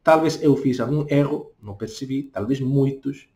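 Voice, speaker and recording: A man speaking with a Spanish accent, a native Spanish speaker who gives a casual spoken lesson, talking slowly and tagging his points with little questions. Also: medium pitch, darkish tone. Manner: talks deliberately slowly, tags questions with "não?". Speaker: language teacher.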